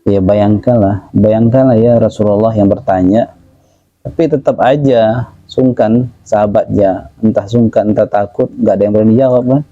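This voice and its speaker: A man teaching a religious study class, reciting Arabic phrases slowly and then translating and explaining them. He talks casually to his students and calls on them by name. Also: on the low side, steady tone, dark tone, no echo. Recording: slightly dull, dry, lo-fi recording.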